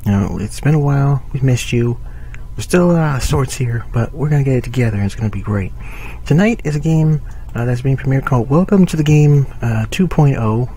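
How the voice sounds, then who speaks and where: A man's voice: medium pitch, lively intonation, brisk, hardly any pauses, warm tone, a little hiss or hum. A man hosting a gaming livestream, chatting offhand and swearing while he fiddles with his stream settings. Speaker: stream host. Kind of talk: casual livestream commentary.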